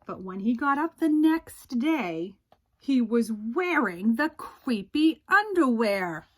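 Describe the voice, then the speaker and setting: On the high side in pitch, this female storyteller reads a picture book for children with vivid drama, dragging out the suspenseful parts.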